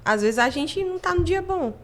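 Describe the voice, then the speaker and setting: A woman's voice: extremely high pitch, animated, a little fast, a bit bright. Earnest woman co-host. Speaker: co-interviewer. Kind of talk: casual interview chat.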